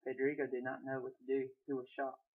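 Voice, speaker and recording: A man's voice: mid-range voice, completely flat delivery, fast talker. A young man reading his own short story aloud, plainly, with small restarts, on a tinny phone-like recording. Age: young adult.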